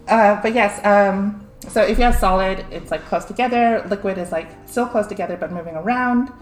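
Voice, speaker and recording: This young woman streamer explains science casually in a medium-pitched voice at normal speed, leaving long pauses. She giggles frequently and uses plenty of "like" and "um." Faint background music and room echo are audible.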